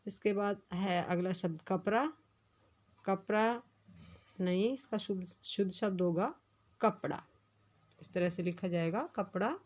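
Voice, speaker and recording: Woman teacher, class lesson, careful word-by-word dictation, middle pitch. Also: a little mellow. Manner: slow, careful dictation of words. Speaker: school teacher.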